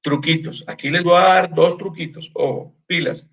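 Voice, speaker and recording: A Colombian man lectures on wellness in an animated, storytelling way, dropping his voice to act out his patients' answers. His voice sits a little high for a man, and the recording sounds dull and muffled. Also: normal speed, creaky. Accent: Colombian Spanish. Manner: animated storyteller, acts out patients' replies softly; repeats words while searching. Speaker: acupuncture doctor giving a wellness talk. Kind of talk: informal lecture with patient anecdotes.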